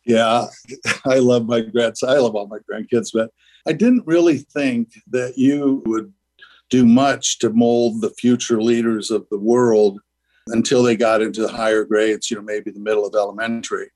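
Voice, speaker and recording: Earnest older man, rambling gently. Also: mid-range voice, fairly even intonation, moderate pace, rough recording. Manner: earnest, rambling, many "you know" fillers. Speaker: guest, school founder. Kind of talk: radio interview.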